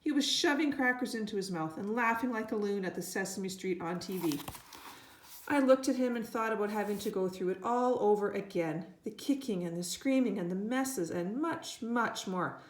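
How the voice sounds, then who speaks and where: A woman reading a children's book aloud in a lively storytelling way. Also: mid-range voice, normal speed. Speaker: reader. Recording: roomy echo.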